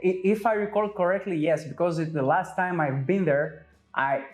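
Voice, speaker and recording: A man's voice: high voice, normal speed, soft background music. A man, chatting as a guest in a barber's chair, thoughtful and hesitant with many fillers. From Crete, Greece. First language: Greek. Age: 20s. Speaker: guest, medical student. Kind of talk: casual chat.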